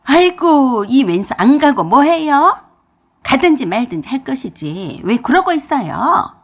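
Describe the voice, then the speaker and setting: A woman voicing a stubborn older mother-in-law who nags loudly and shrilly. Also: sing-song, unhurried, creaky, husky, exaggerated voice. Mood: shrill. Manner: loud, shrill nagging.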